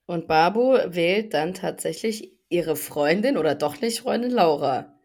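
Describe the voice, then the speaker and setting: A young woman chats casually on a podcast with a slightly lowered pitch. She runs through events briskly, talkative and easygoing, laughing now and then. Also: expressive, a little mellow. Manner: brisk, talkative storyteller who laughs between points. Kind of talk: casual chat recapping a reality show.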